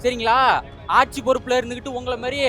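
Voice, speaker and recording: A party supporter speaking outdoors on a street, defiant and combative. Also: male voice, very high voice, level tone, fast talker, bright, forceful tone, faint music behind.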